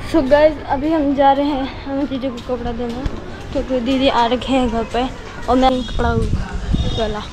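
High-voiced young woman vlogging. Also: normal speed, music in the background, crowd noise. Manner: lively, addressing viewers. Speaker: vlog co-host. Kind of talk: casual vlog chat. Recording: noisy background.

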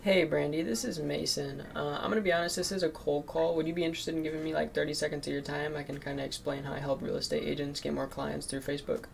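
Teen guy, kinda gravelly, nervous cold caller saying um and like a lot, faint hiss. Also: on the high side, level tone, fast talker, few pauses. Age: teens. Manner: nervous, lots of fillers like "um" and "like". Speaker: marketing agency owner cold calling. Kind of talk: recorded cold calls and casual commentary.

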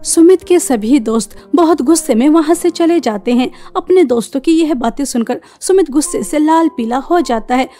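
A woman tells a cartoon moral story in a sympathetic, steady way. Her voice is high yet mellow, with faint music behind. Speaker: narrator. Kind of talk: scripted storytelling narration.

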